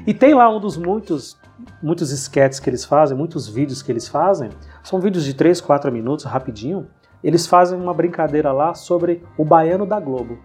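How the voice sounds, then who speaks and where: A man hosting a casual podcast conversation, telling anecdotes in a lively way. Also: on the high side, brisk, breathy edge, faint music behind. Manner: storytelling, animated retelling of anecdotes. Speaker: podcast host. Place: lives in São Paulo.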